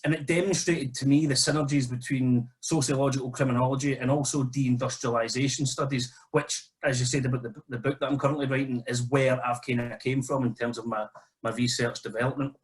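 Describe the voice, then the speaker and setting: A man researcher presenting his paper at an online seminar in a relaxed, conversational way. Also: mid-range voice, a little fast. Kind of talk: academic seminar talk.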